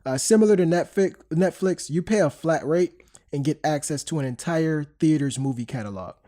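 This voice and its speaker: A podcast host, a man in his thirties with a head cold, speaks at a moderate pace in a fairly high voice that has a dark tone. His easygoing chatter is peppered with fillers and restarts.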